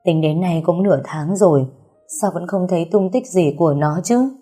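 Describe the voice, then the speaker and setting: A woman voicing an anxious, tearful middle-aged mother who speaks in a choked, halting way. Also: lowish voice, dark tone, breathy edge, faint music behind.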